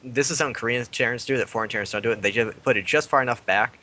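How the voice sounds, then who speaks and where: A man's voice: mid-range voice, rapid-fire, sharp tone. A man on a casual esports panel, explaining tactics in long runs with many "like" fillers. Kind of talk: casual esports analysis chat.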